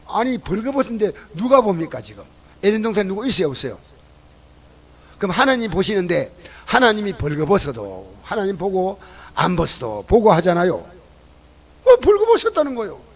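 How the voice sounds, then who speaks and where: Animated high-voiced husky male preacher. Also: normal speed, rough recording. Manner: animated preaching, questions to the congregation; swings between loud exclamations and low asides. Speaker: pastor. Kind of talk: sermon. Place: church service.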